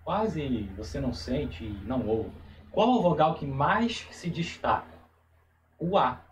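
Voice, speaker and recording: A man giving a Hebrew lesson on video, slowly and carefully, repeating each term as he explains it. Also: a little high, lively intonation, recorded from a distance, slight background noise, rough recording. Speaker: Hebrew teacher.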